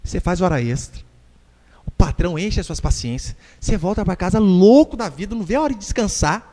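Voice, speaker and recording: Emphatic Brazilian pastor, high lively voice. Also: male voice, a little fast. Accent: Brazilian Portuguese. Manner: emphatic, acts out dialogues. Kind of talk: sermon. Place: church hall. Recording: reverberant church hall.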